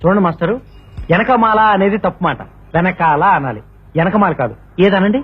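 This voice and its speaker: A man's voice: high-pitched, moderate pace, husky. An actor playing a young man who keeps correcting people's pronunciation in a film scene. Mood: insistent. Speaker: film character. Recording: tinny old film soundtrack with music.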